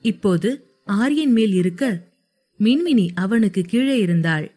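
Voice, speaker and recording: A woman reading a romance story aloud in steady scripted narration. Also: medium pitch, a little slow.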